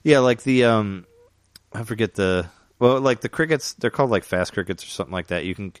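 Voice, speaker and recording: Man, very low voice, casual gaming chat, rambling, dry close sound. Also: a little fast, clear, resonant tone, dry recording. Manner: rambling, full of fillers and restarts. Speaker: gamer chatting.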